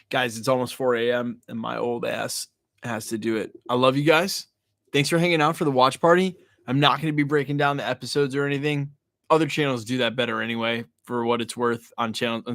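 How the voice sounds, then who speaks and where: Chatting with his audience late at night, this livestream host swears freely, goes on joking rants, and leans on slang, addressing viewers as "bro" and "y'all" while responding to their comments. He has a creaky, mid-range male voice with a fairly bright tone. The recording is dry and of studio quality.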